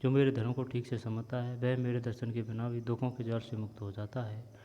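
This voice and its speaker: A man reading a textbook story aloud as a teacher, pausing now and then to explain words. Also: mid-range voice, level tone, mellow. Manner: reads steadily, pauses to explain words. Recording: dull lo-fi sound with long reverb.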